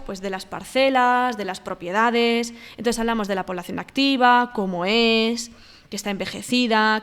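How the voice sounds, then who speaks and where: A woman's voice: medium pitch, smooth, long reverb tail. Spanish teacher woman explaining exam answers. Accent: Spanish from Spain. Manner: explanatory, checks in with "¿vale?", hesitant fillers. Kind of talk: exam walkthrough lesson.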